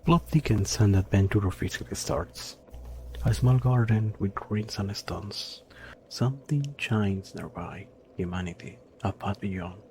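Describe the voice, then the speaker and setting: A man narrating a scripted game review in a dry, sarcastic manner, with a gravelly voice. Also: fairly low pitch, a little slow, mellow, a little hiss or hum.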